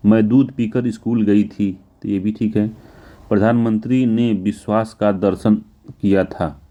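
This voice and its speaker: Male tutor, low mellow voice, repetitive and patient, drags out words as he spells them. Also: dull audio. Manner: repetitive, self-correcting, often says "ठीक है". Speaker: exam prep teacher. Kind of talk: Hindi spelling lesson walking through test answers.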